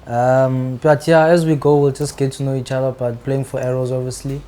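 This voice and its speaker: A South African man, a football player, talking casually in a relaxed, unhurried way. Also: medium pitch, a little hiss or hum. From Johannesburg, South Africa. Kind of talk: casual chat. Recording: roomy echo.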